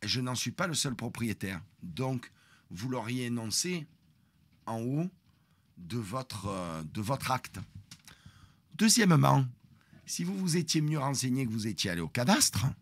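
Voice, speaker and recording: A man's voice: medium pitch, unhurried, pauses often, husky. A man telling a story on a live stream, acting out the confrontation dramatically. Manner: dramatic, animated retelling that acts out the confrontation.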